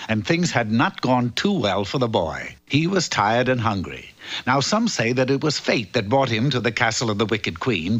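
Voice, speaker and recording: A man's voice: medium pitch, fairly bright tone, lo-fi sound. A man playing a wry, arch fairy-tale storyteller narrating a cartoon.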